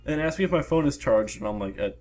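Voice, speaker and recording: Teen dude rambling through a crazy story, cusses a ton, bit of hiss in the background. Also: male voice, quick pace. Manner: profane, rambling, quotes people in a flat low voice. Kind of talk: casual chat.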